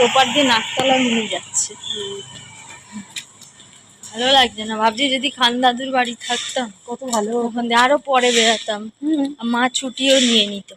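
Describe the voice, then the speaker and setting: A woman's voice: fairly high pitch, heavy background noise. Chatty Kolkata Bengali woman vlogging. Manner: chatty, confiding, often addresses viewers as friends. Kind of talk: casual vlog chat to viewers.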